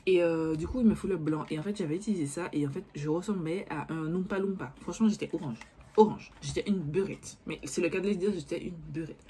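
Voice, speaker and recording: A woman's voice: fairly low pitch, fast talker, hardly any pauses, mellow, a little hiss or hum. A young woman talking casually to her viewers about makeup, rambling and cursing freely when annoyed. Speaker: beauty vlogger. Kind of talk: casual chat to camera.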